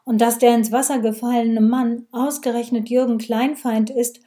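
Gruff mocking village cop, a lady reading puts him on, loud and clipped, mellow tone. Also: fairly high pitch, flat delivery, moderate pace, lightly acted. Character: gruff, sneering male village policeman.

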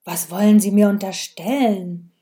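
A woman's voice: medium pitch, normal speed, warm tone, close to an everyday voice. Woman doing a sarcastic cornered man.

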